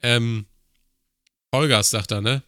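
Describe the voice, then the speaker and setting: A man's voice: medium pitch, fairly even intonation, slow, sharp tone, clean tone, dry recording, studio quality. A man telling a long work story in casual podcast chat, with crude slang and acted-out dialogue. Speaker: podcast co-host.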